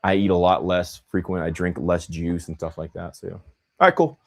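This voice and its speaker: A young male livestream host talks fairly quickly in a low voice, casual and lively, full of slang and frequent "bro" and "man."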